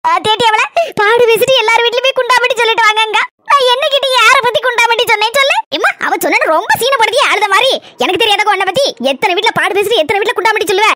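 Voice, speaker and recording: A woman's voice: very high-pitched, rapid-fire, background noise. A woman voicing a gossipy, food-loving elderly mother-in-law with a Kanyakumari Tamil accent, in a chatty, rambling and complaining way. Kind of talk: cartoon voice acting.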